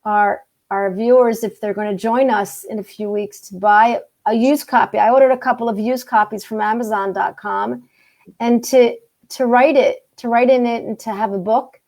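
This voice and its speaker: A woman's voice: a little high, steady tone, moderate pace, darkish tone. A woman hosting a casual group discussion over a video call, talking with enthusiasm, repeating herself and joking. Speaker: host.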